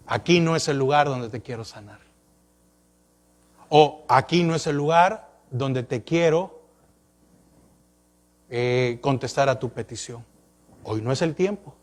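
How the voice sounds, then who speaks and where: Male pastor, high voice, preaching sermon with lots of rhetorical questions. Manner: questioning the congregation, rising and falling emphasis.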